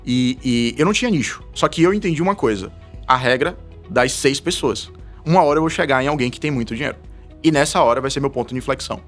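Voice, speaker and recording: A man's voice: medium pitch, faint music behind. A man, a guest telling his story in a casual podcast interview. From Salvador, Brazil. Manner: fast, animated storytelling with frequent laughs. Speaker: guest, investment advisor.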